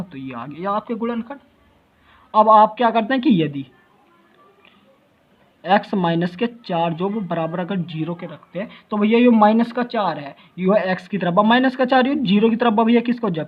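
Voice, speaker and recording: A man's voice: high-pitched, muffled recording. A male math teacher giving a lecture, constantly asking his students rhetorical questions and calling them brother.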